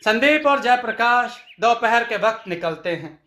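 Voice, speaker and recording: A man narrating a folk tale in steady storybook style. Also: very high-pitched, measured pace. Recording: echoey room.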